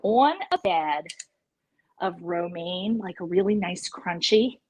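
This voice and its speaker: A woman's voice: fairly low pitch, slow pace, a little hiss or hum, rough recording. A woman chef teaching a live virtual cooking class over a video call, chatty and playful in her instructions.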